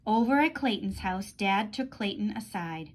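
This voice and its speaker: Reading a children's picture book out loud, a woman uses an expressive narrator's style and lets each phrase trail off gently. She speaks at a normal speed in a medium pitch.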